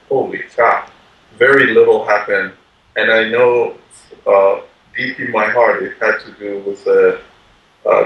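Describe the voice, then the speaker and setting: A man with a mid-range voice recounts events with earnest excitement. He sits well away from the microphone in a very echoey room, so his voice sounds distant and hollow. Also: on the low side. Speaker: participant in a group gathering. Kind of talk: casual group chat. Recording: roomy echo, far from the mic.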